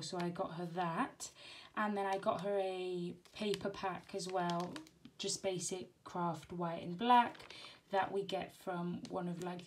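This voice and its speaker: Casual crafting vlogger, woman, rambling and self-correcting, noisy room with handling clicks. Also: lowish voice. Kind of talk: casual chat while packing a gift box. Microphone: camera on tripod. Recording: clear background noise and handling clicks.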